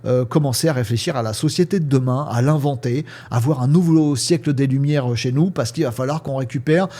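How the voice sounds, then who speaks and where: A man's voice: medium pitch, brisk, mellow. A man from France hosting a casual tech news review, chatty and hesitant with frequent fillers, speaking to viewers as friends.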